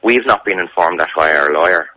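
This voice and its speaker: An Irish man being interviewed on the radio, speaking insistently in a halting way with repeated words. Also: deep voice, sharp tone, dry recording. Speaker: campaigner interviewed about a family member's case.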